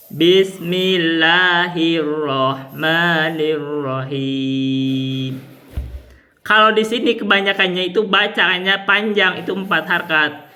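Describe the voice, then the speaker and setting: A man teaching Quran recitation rules, explaining patiently and demonstrating long drawn-out recited syllables. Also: high-pitched, pushed and bright. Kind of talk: tajwid lesson with recited examples.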